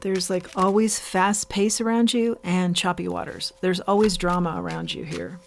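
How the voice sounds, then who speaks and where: A woman giving an intuitive tarot reading as host, saying the card names slowly and repeating her advice earnestly. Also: lowish voice, steady tone, gravelly, a little hiss or hum. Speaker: tarot reader.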